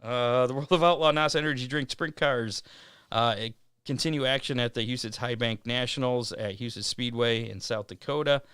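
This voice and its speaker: A man hosting a racing show, reading event schedules in a casual way with many "uh" pauses. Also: medium pitch, a bit bright, clear, resonant tone, no room sound. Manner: reads schedules with frequent "uh" pauses. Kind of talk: casual racing news rundown.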